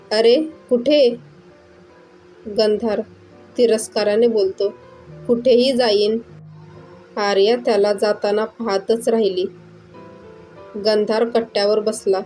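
A woman narrates a romance story in a slow, unhurried voice. Her pitch stays level and flat, even when she reads the characters' dialogue. Soft music plays quietly under her voice. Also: rough recording. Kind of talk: scripted narration of a love story.

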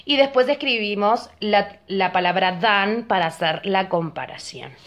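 A woman's voice: medium pitch, expressive, fairly bright tone. Patient bilingual woman teaching grammar. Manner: patient, explains slowly, often checks with "ok?". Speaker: English teacher.

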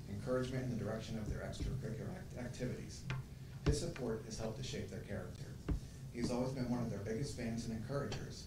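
A middle-aged man speaks in a low, earnest voice, reading a prepared plea at a podium in a large meeting hall. The microphone sits off at a distance, so the sound is heavily echoey, with a loud hum of room noise behind him. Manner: earnest, measured, pleading. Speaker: parent speaking at public comment. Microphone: podium microphone filmed by far camera.

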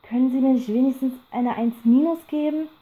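A woman's voice: sits high, fairly quick, dark tone, close to an everyday voice, rough recording. A woman voicing a desperate, furious teenage schoolgirl who pleads and then turns bitter and hateful. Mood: pleading.

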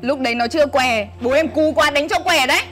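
A woman's voice: high-pitched, fairly quick, a bit bright. A woman acting a scornful, arrogant young wife who betrays her husband, in a web skit drama. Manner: sneering, arrogant. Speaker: actor. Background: background music.

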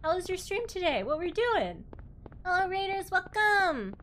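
A woman's voice: very high voice, big pitch swings, moderate pace, a bit bright, a little hiss or hum. A woman livestreaming a video game and chatting casually in a cute, bubbly anime streamer manner. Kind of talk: casual livestream chat while gaming.

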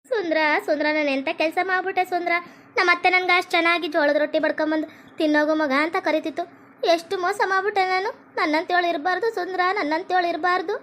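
Crying young village wife, north karnataka accent, very high and quick. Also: female voice, fairly even intonation, fairly bright tone. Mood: tearful. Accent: North Karnataka Kannada. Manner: crying, pleading. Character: tearful young village wife, remorseful daughter-in-law.

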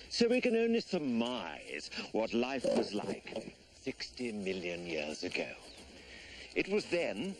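A man's voice: lowish voice, slight background noise, full character voice. A man narrating a mock nature documentary in a pompous, portentous manner.

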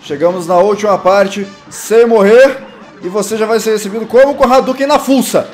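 Young brazilian dude yelling through a boss fight, self-mocking, light game music behind. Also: male voice, high-pitched, moderate pace. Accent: Brazilian Portuguese. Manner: excitable, yelps and exclaims constantly, self-mocking. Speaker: gaming channel host. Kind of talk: live gameplay commentary. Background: faint game music.

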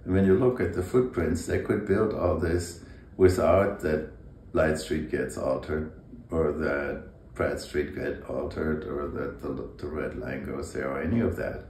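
An older man with a remarkably deep voice talks through his views in a measured, thoughtful way, now and then pausing to search for words. The sound of the room is noticeably roomy. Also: darkish tone. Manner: thoughtful, measured, occasional hesitations. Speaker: architect and urban planner, interview guest. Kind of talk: conversational interview. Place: indoor room with brick walls. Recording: roomy echo, faint background hum.

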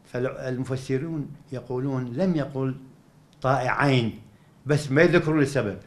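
A male university professor with an Iraqi Arabic accent giving a lecture. He explains step by step, often asking and answering his own questions, and recites verses slowly. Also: medium pitch, fairly even intonation, darkish tone. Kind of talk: academic lecture at a cultural evening.

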